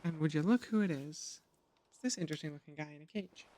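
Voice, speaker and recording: A streamer narrating a game run in a loose, chatty way, cracking jokes and swearing now and then. The voice sits at an ordinary middle pitch. Everything is aimed at the chat watching live. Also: fast, dark tone. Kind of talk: casual gameplay commentary.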